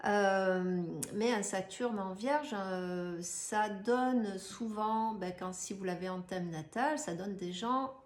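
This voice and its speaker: A woman talks casually as an astrologer, with a middling pitch. She fills her speech with hesitations and asks her listeners rhetorical questions. Her voice bounces around a noticeably roomy, echoey space. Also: slow pace, hardly any pauses. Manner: chatty, many "euh" fillers, rhetorical questions. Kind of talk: casual explanatory video talk. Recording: echoey room.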